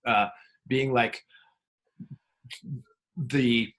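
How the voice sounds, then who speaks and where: A man's voice: mid-range voice, fairly even intonation, very slow, fairly bright tone. A man, a coach and co-host, talking candidly in casual conversation, often laughing.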